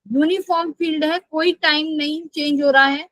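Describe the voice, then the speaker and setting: A woman's voice: high voice, fairly even intonation, normal speed, fairly bright tone, dry recording, low-quality recording. A woman teaching a live online physics class, asking questions and answering them herself, and scolding students who skip class.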